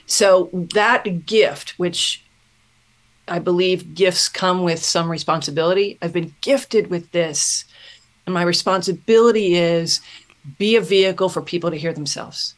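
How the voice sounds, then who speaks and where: A middle-aged woman, a podcast guest, telling her story in an earnest, thoughtful way, often pausing and restarting a thought. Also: fairly low pitch. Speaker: podcast guest, self-mastery mentor. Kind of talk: reflective personal storytelling.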